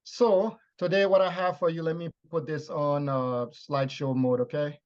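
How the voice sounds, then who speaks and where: A man's voice: fairly high pitch, steady tone, normal speed, darkish tone. Emphatic man lecturing over dull audio. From Liberia. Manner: emphatic, repetitive teaching phrases. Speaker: teacher.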